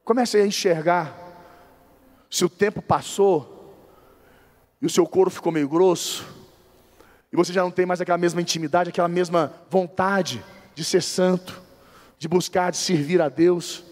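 Guy preaching, high voice, lots of repeating for emphasis, big echoey church. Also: steady tone, normal speed, long pauses, a little mellow. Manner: emphatic, repeats phrases for stress. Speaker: bishop preaching. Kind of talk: sermon.

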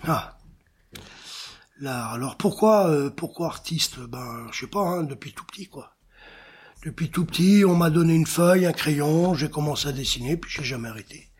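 Animated and a little high, with a breathy edge, this middle-aged man speaks at a moderate pace while being interviewed as an artist, engraver and painter. Born in Senegal and raised in Africa, he gropes for words and repeats phrases often.

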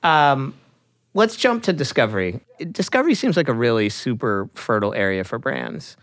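A middle-aged man hosts a podcast with a wry, joking manner, at a middle pitch. He asks long, winding questions, recorded on a dry, close mic. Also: very animated, normal speed, fairly bright tone, no echo. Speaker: podcast host. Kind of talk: casual podcast interview.

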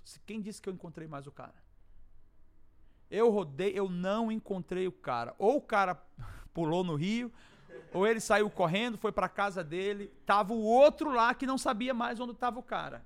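High-voiced Brazilian man telling a dramatic story. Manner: dramatic, acts out dialogue, swings from hushed to shouting. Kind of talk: animated testimony storytelling.

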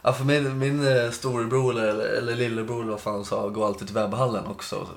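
A man's voice: medium pitch, fairly even intonation, vocal fry. A man in his twenties, a podcast co-host, rambling through a casual story and acting out the dialogue. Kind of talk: casual chat. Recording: echoey room.

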